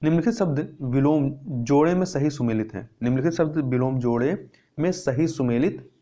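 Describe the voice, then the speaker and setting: A man's voice: mid-range voice, moderate pace, mellow. A male teacher working through exam questions. He explains step by step, repeats the answers and asks and answers his own questions. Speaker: Hindi teacher. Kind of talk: exam prep lesson.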